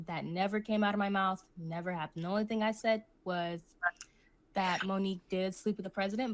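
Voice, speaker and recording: A woman appearing as a guest on a roleplay news show, speaking emphatically and defensively. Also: medium pitch. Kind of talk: casual role-play interview.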